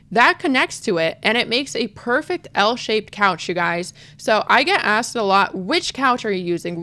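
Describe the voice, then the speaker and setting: A woman's voice: mid-range voice, pushed and bright, clear, resonant tone. A woman talking with braces, slightly lisping and wet, in a gushing, slangy, casual voice-over as a gaming video creator.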